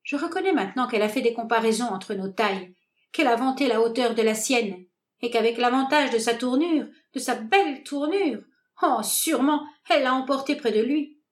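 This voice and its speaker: A woman's voice: on the high side, moderate pace, natural voice. A woman voicing a small, fiery young woman jilted in love, theatrical and full of indignant questions, in a read-aloud stage comedy. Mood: outraged.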